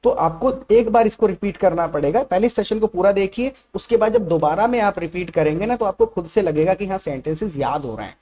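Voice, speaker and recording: Mellow-voiced Hindi-speaking teacher. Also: male voice, high voice, animated. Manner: drills example sentences slowly, often asks "right?". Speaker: English teacher. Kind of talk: spoken English lesson in Hindi.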